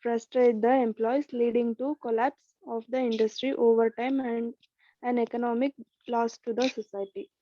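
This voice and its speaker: A woman's voice: on the high side, level tone, normal speed, mellow, dry recording. A woman reading lesson notes aloud, stumbling on a word now and then. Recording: dry dull lo-fi recording.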